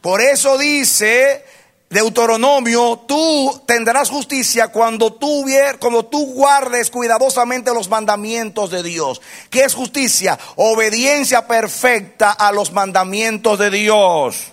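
A pastor preaching a sermon, leading the congregation in call-and-response and swinging from low murmurs to loud exhortation. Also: male voice, slow.

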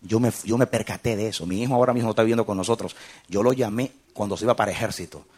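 A man's voice: lowish voice, rapid-fire, darkish tone, husky. A middle-aged man preaching a sermon as a pastor, impassioned and building to emphatic peaks.

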